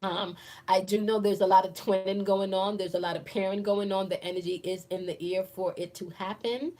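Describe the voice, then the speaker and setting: A woman in her forties hosts a casual live chat, reading viewer comments aloud and answering them with playful, laughing banter. Her medium-pitched voice is steady, slightly mellow, and a little fast. She's chatty and playful, laughs often, and calls her viewers "y'all."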